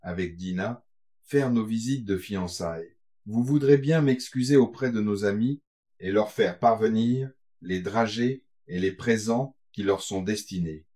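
Male reader as a young nobleman, storybook: earnest, tender, low, slow. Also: dark tone. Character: young nobleman departing his bride, earnest.

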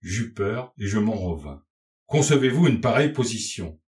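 A man's voice: on the low side, animated, normal speed, darkish tone, lightly acted. A man reading aloud and voicing an anxious, blustering bourgeois father recounting his ordeal. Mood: agitated.

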